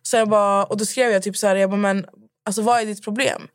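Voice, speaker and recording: A woman's voice: medium pitch, steady tone, smooth, no echo. A young woman co-hosting a casual podcast chat, telling a story animatedly and acting out both sides of a conversation. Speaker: podcast co-host.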